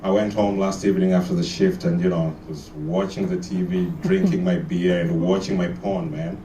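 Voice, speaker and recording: A man's voice: deep voice, little pitch movement, normal speed, warm tone, roomy sound, recorded from a distance, slight background noise. A man from Kenya performing a stand-up comedy set, telling stories and acting out the dialogue. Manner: storytelling, acts out dialogue with shifting voices. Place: live comedy venue with audience.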